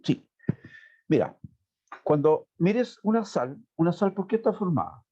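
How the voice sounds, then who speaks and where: A man's voice: sits high, sing-song, unhurried, warm tone, slightly rough. A man teaching a chemistry class online, explaining step by step and checking in with his students. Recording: tinny phone-like line.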